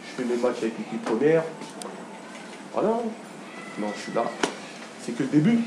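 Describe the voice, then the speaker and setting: A young man from France talks casually to a group of kids, hesitant and full of fillers. He sounds far from the mic in a reverberant room. Steady background noise runs underneath. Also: mid-range voice, normal speed. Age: 20s. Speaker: guest footballer. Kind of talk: informal talk to kids.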